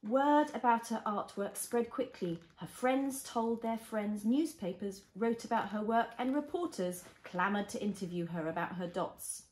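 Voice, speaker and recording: A woman's voice: a little high, expressive, measured pace, hardly any pauses, darkish tone. A woman, a mother, reading a storybook aloud to a toddler expressively, with simple explanations and little questions. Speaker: mother reading a picture book to a child. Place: indoors, small living room at home. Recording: roomy echo of a home room.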